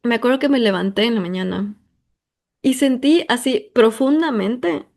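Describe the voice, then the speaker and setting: A woman's voice: a little high, moderate pace, gravelly, darkish tone. A woman from Ecuador, hosting a personal monologue in an emphatic, talkative way full of intensifiers and fillers. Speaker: podcast host.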